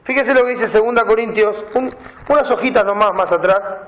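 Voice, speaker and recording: A pastor delivers his sermon in a high voice, reading Bible verses and unpacking the words. The sound rings around a reverberant church hall. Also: fairly quick, a bit bright. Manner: preaching, reads scripture aloud and explains Greek words.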